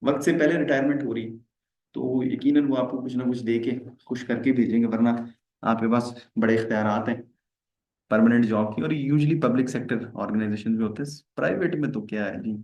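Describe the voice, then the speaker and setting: A man's voice: mid-range voice, steady tone, a little fast, darkish tone. A man teaching a live online tax lesson, chatty, acting out little dialogues and asking viewers questions. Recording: roomy, slightly dull livestream audio.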